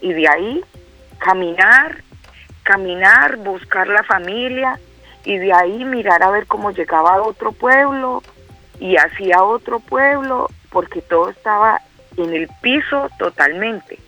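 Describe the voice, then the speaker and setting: A middle-aged Colombian woman calls in as a guest for a phone interview, hesitating often and repeating words amid many fillers. Her medium-pitched voice is animated and sharp in tone, at a measured pace, while soft music plays in the background over poor audio.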